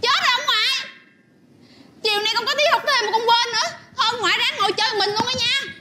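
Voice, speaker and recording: A man voicing a young grandchild in a comedy sketch, chatty and quick. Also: background noise. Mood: hurried. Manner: quick, high chirpy child talk.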